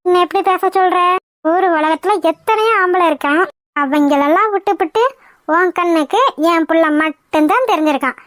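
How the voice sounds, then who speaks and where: A sneering, haughty mother-in-law from a cartoon mocks in a sharp, very high register, performed by a woman. The sound is close and dry. Every line drips with contempt. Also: normal speed, dry recording. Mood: scornful. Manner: taunting, sneering, mocking. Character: haughty scornful middle-aged mother-in-law. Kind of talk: cartoon voice acting.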